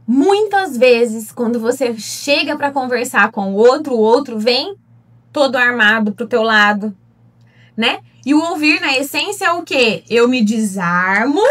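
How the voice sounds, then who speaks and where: A woman's voice: high-pitched, animated, measured pace, fairly bright tone. A Brazilian woman, a relationship therapist, giving an earnest teaching talk and asking her listeners direct questions. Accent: Brazilian Portuguese. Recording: voice a bit distant from the mic.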